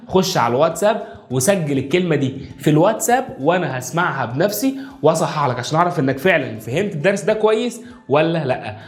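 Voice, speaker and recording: A man with an Egyptian Arabic accent teaching English pronunciation at a whiteboard, coaxing his viewers and drilling each sound in a slow chant. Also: on the high side, echoey room. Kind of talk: video lesson at a whiteboard. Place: indoor room with a whiteboard.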